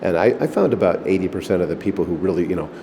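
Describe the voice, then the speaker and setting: A middle-aged man who owns an old missile silo, talking in a relaxed, rambling way with fillers, recorded inside a concrete chamber. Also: low voice, rapid-fire, gravelly. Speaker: missile silo owner giving a tour. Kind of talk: casual conversational interview. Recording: echoey concrete chamber, faint background noise.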